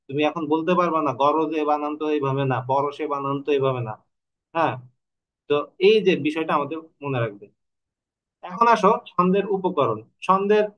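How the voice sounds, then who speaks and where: A man with a Bangladeshi Bengali accent teaching an online lecture, explaining step by step with rhetorical questions and slowly stretching syllables to demonstrate. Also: a little high, highs cut off. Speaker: Bengali literature tutor.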